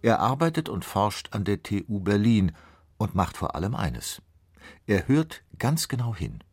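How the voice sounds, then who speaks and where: A man's voice: fairly low pitch, big pitch swings, unhurried, husky, no room sound, clean studio sound. A man narrating a radio or TV feature in a scripted voice-over. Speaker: documentary narrator.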